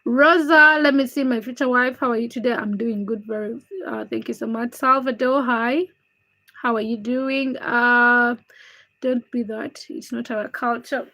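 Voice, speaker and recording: Greeting viewers by name as she reads their comments, a young woman from Uganda hosts a casual livestream and talks candidly; English is not her native language. Her voice sits on the high side, bright and forceful, with fairly even intonation and a measured pace, though the audio is poor.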